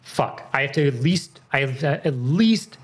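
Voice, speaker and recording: A man's voice: medium pitch, animated, moderate pace. A man in his thirties chatting casually, rambling and correcting himself mid-sentence, with frequent swearing. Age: 30s. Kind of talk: casual chat.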